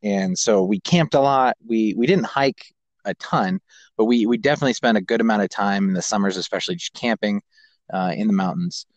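A podcast guest in his twenties, an American who spent his childhood in Kazakhstan and Japan, talks briskly through casual personal anecdotes in an interview. His pitch is fairly low, and there's no room sound.

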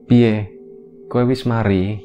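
A man voicing a calm, kindly old village grandfather spirit, speaking softly in a horror story. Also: on the low side, slow, music in the background. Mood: gentle. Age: over 60.

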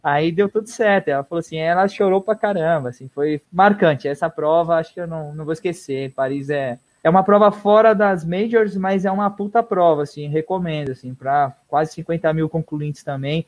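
Man, high-pitched talker, animated storyteller in a casual chat who swears freely and lets his voice drop away at the ends of thoughts. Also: fairly quick, few pauses. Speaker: guest runner.

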